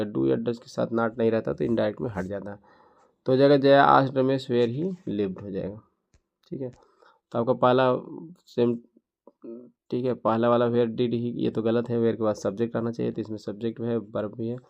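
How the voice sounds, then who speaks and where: A man's voice: mid-range voice, vocal fry, dark tone. A man teaching an English grammar lesson, explaining each step while reading out English example sentences. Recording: dull lo-fi recording.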